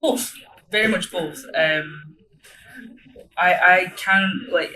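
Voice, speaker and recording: A young woman with a Glaswegian accent, speaking thoughtfully with many pauses and restarts as a mentorship volunteer. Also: on the low side, pushed and bright, a little hiss or hum, rough recording. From Glasgow, Scotland. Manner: reflective, hesitant with many ums and restarts. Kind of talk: casual interview answers.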